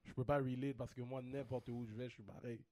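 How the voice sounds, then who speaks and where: A man co-hosting a podcast, quick with short "yeah yeah" replies. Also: mid-range voice, fairly even intonation, a little mellow. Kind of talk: casual podcast chat.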